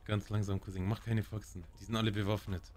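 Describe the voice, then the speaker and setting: A man in his thirties role-playing in a video game, urgent and excitable, often repeating his words. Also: fairly low pitch, fast talker. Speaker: streamer playing a crime role-play game. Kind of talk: improvised in-game role-play. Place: indoor streaming room. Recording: faint game noise.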